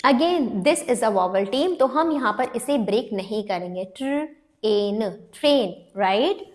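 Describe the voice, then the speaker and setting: A woman's voice: on the high side, expressive, slow. A woman with an Indian accent teaching phonics, mixing Hindi and English and often checking in with "right?". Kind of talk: online phonics lesson.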